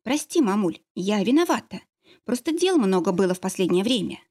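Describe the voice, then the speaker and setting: A guilty, uneasy young woman, as a woman reader plays her, hesitant and apologetic. She sounds a little higher and husky, with a lively voice. This is audiobook character reading. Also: fairly quick.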